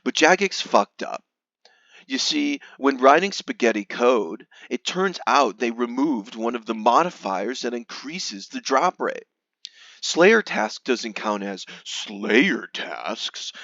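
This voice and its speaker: A man reads aloud in a hammy, theatrical stage-actor manner, mock-grave, with emphatic swells and hushed drops. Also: mid-range voice, no echo, highs cut off. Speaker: reader of a gamer's forum post. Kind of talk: theatrical dramatic reading.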